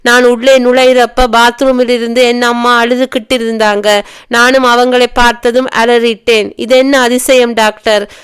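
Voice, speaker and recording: A woman's voice: fairly high pitch, level tone, a little slow, fairly bright tone, smooth, dry recording, clean studio sound. A woman narrator voicing a young nurse who anxiously reports strange news to a doctor. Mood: shaken. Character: shaken young nurse on the phone.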